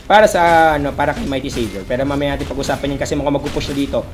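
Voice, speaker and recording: A man with a Filipino accent calling an esports match, swinging from calm analysis to excited shouts and voicing the players' lines. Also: medium pitch, rapid-fire. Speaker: esports commentator. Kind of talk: play-by-play game commentary.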